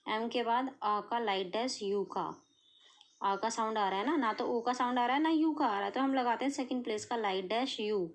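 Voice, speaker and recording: Her voice on the high side and her pace moderate, an Indian woman patiently explains shorthand one step after another. "Clear?" and "okay" come up often as she checks that her students follow.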